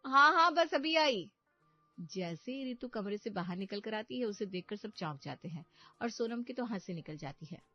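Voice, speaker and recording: A woman giving scripted narration of a family story in an even storytelling manner. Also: mid-range voice, normal speed, dry recording. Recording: muffled, faint background music.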